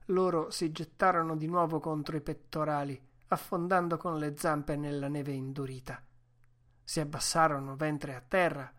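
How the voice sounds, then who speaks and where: A woman narrating a novel in a calm, even reading voice. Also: sits low. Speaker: audiobook reader. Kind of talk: scripted narration.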